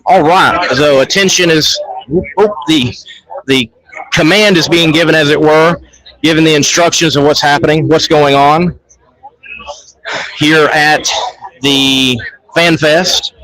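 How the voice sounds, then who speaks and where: A man's voice: fairly high pitch, steady tone, slow pace, pauses often, a bit bright, low-quality recording. A man hosting live on-site event coverage, chatty and upbeat, often repeating his phrases. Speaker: show host. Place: crowded shop fan fest.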